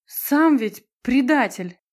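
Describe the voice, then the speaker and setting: A woman's voice: fairly high pitch, unhurried, natural voice. Woman reading an outraged, tearful schoolgirl. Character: tearful, indignant teenage schoolgirl.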